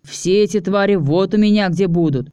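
A man's voice: high voice, moderate pace, mellow, clean tone, no echo, clean studio sound, natural voice. A man reading an audiobook, voicing a cocky young adult male nobleman who brags and rouses a crowd. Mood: boastful. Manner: bragging, rousing.

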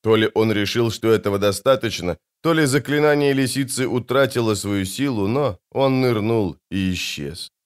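A man narrating an adventure audiobook in an expressive, dramatic way. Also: on the low side, moderate pace, few pauses, clean tone. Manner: expressive, lively storytelling.

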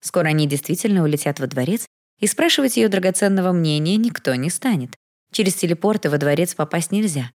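Low-voiced woman reading an audiobook. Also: lively intonation, a little fast, darkish tone. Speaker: audiobook narrator. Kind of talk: scripted narration.

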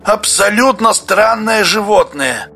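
A feverish, excitable geologist, as a male reader puts him on, with a high, agitated voice that keeps breaking into shouts. Faint music plays behind him in this audiobook reading. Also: slow, gravelly, exaggerated voice.

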